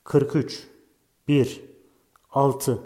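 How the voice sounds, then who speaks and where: A man voicing a bossy older boy who loudly calls out bingo numbers in a storybook reading. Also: medium pitch, level tone, very slow. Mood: calling out. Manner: loud, calling out.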